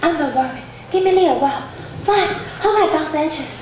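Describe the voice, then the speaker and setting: A woman's voice: high-pitched, lively intonation, fairly quick. A woman acting a fussy, talkative old nurse on stage, teasing and complaining with exaggerated effort. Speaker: student actor. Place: stage in a large hall. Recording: echoey hall recording with faint noise.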